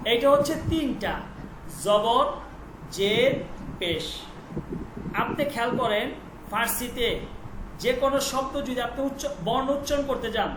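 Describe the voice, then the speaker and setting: Man, teacher, high voice, patient drilling of sounds, echoey noisy room. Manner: patient, repeats sounds slowly and checks understanding. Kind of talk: online language lesson. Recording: echoey room with clear noise.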